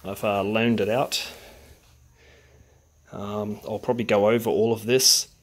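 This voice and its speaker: A man's voice: fairly low pitch, flat delivery, unhurried. Man chatting in his garage. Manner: rambling, many ums, plain-spoken. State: out of breath. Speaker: home car restorer. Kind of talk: casual workshop vlog. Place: home garage.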